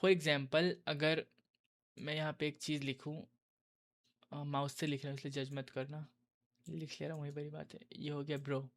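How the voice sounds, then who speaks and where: A man's voice: fairly high pitch, level tone, moderate pace, pauses often, a bit bright. A young man giving a casual exam-prep lesson, talking to his viewers like friends and calling them bro while he walks through questions. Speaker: exam tutor.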